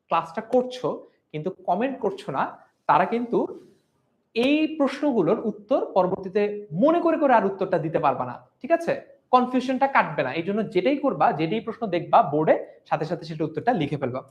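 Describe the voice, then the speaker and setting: Lively young male teacher quizzing a class. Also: high-pitched. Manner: asks the class questions, then answers them himself; stretches out sounds to demonstrate pronunciation. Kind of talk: live online exam revision class.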